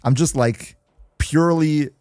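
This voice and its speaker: A German-accented young man with a higher, warm voice speaks at a measured pace in clean studio sound without echo. As host of a casual gaming livestream, he chats with viewers, reads and replies to the chat, and laughs frequently.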